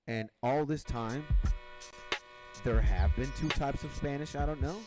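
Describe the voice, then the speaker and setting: Young man, Venezuelan accent, easygoing streamer chat, clear music behind. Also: mid-range voice, measured pace. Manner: rambling, loose, slangy. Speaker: game streamer. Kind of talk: casual chat while gaming. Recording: game music playing behind. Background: clear background music.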